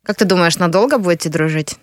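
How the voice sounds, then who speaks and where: A woman's voice: lowish voice, fast, no echo, clean studio sound. A woman interviewing a young guest, asking supportive, encouraging questions.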